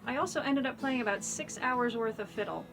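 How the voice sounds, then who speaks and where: A woman vlogger with a fairly high voice talks casually to her audience from an attic, with music in the recording. She sounds like someone keeping an informal video diary. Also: a little fast, poor audio. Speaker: vlogger and fiddle player. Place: attic room at home.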